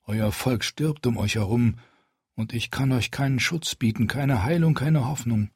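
A proud, stubborn young queen, voiced by a male audiobook reader, giving orders in a raised, clipped tone. The husky edge of the reader's voice stays in the lifted pitch. The recording is dry and close. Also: unhurried, no room sound. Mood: bitter. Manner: raised pitch, firm commanding delivery. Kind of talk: audiobook character voice.

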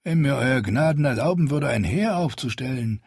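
A dutiful old knight, read by a man, low, measured and respectful, with a husky grain in the voice. The sound is dry and close to the mic. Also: animated, a little mellow, no room sound. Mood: cautious. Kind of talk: audiobook character voice.

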